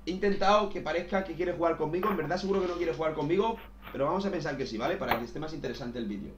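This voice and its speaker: Young-sounding male gaming host, fairly high voice, hyped and profane, echoey room. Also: racing, background noise. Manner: excitable, swears, says "tío" constantly. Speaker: gaming youtuber. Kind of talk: casual gameplay commentary.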